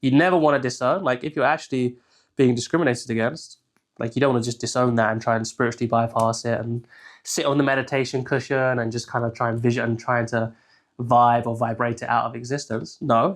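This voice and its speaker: A man's voice: mid-range voice, steady tone, fairly quick. A young man, a coach giving a casual solo teaching talk, speaking conversationally and checking in with the listener after nearly every point. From England. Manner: conversational, keeps checking in with "right?". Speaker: life coach.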